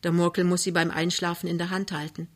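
A woman reading a novel aloud in a calm, measured narration. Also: on the low side. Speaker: reader. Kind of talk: literary reading.

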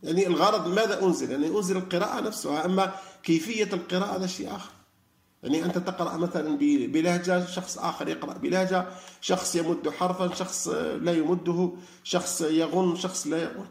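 A man giving a religious lecture, animated and arguing through rhetorical questions. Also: sits high, fast talker, reverberant. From Algeria. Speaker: lecturer on Quran study.

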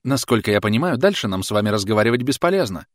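A man voicing a prim, indignant female schoolteacher in an audiobook, talking in a shrill, huffy and outraged manner. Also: sing-song, very fast, no room sound, studio quality.

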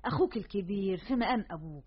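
A woman's voice: medium pitch, lively intonation, racing, husky. An actress with an Egyptian Arabic accent playing an older, protective mother in a radio drama, coaxing and pleading with her sons. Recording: dull lo-fi radio recording.

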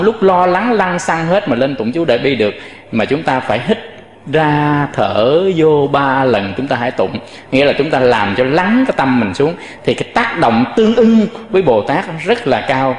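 A man who is a Buddhist monk, giving a patient dharma talk and addressing his listeners directly. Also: medium pitch. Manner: explains patiently, often addressing listeners directly, demonstrates chant tones. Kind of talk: dharma talk with chanting demonstrations. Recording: echoey hall with long reverb.

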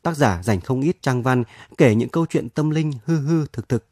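Husky male radio editor, dry studio sound. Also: medium pitch, lively intonation, a little mellow, no echo. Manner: measured, explanatory reading. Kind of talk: literary commentary for radio.

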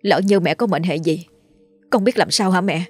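A woman's voice: fairly low pitch, moderate pace, darkish tone, breathy edge, soft background music. Woman voicing a tearful devoted young son. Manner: pleading, tearful cries.

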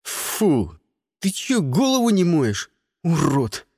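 A man's voice: on the high side, huge pitch swings, slow, gravelly, darkish tone, breathy edge, no echo, clean studio sound, in a large hall, full character voice. A man voicing a rude schoolboy bully who taunts in coarse slang, in an audiobook. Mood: taunting.

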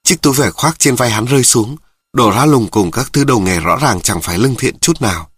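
A middle-aged man reading a short story aloud in a measured, even way. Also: mid-range voice, husky, no room sound, studio quality. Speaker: narrator.

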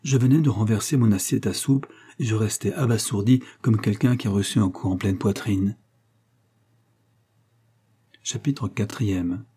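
An audiobook narrator with a lowish, slightly rough male voice reads a literary short story aloud. His storytelling is measured and even throughout.

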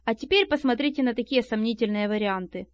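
A woman narrating a nonfiction audiobook in a lively, expressive reading voice. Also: on the high side, fast, no echo. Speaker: audiobook reader. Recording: dull, lo-fi and dry.

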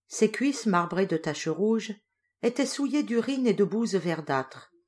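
A woman reading a classic French story aloud as an audiobook, measured and expressive. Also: medium pitch. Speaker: audiobook reader. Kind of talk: literary audiobook narration.

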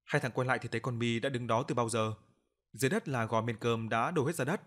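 A man's voice: mid-range voice, fast talker, a bit bright. Male ghost-story narrator.

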